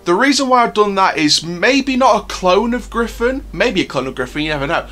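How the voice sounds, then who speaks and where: A man's voice: sits high, animated, a little fast, bright, forceful tone, soft background music. A man hosting a theme park news channel, talking to viewers in a chatty, enthusiastic fan style. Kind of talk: casual news commentary.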